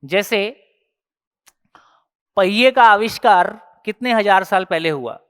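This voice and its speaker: A man's voice: sits high, slow, fairly bright tone, clean tone, in a large hall. A man giving a conversational teaching talk at a workshop, explaining step by step with everyday examples and prodding his listeners with questions. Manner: prods the audience with rhetorical questions.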